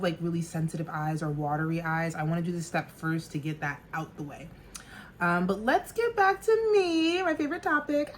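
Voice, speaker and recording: A woman's voice: fairly low pitch, slight background noise. A woman in her thirties from New Jersey, chatting casually and laughing often while doing her makeup at home. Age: 30s. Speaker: makeup artist and vlogger. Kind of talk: casual get-ready-with-me chat.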